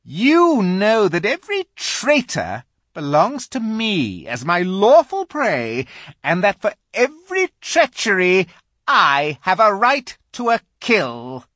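A reader voicing a cruel, proud witch queen who speaks in a shrill, imperious, menacing way. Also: huge pitch swings, takes it slowly, fairly bright tone, dry recording, clean studio sound, full character voice.

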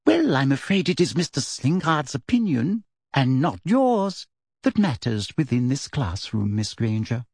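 A man voicing a prim, cold, middle-aged female teacher in a storybook reading, speaking slowly and softly with deliberate sweetness. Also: medium pitch, sing-song, slightly rough, no room sound, clean studio sound, full character voice. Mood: icy. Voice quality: soft, deliberate, half-whispered.

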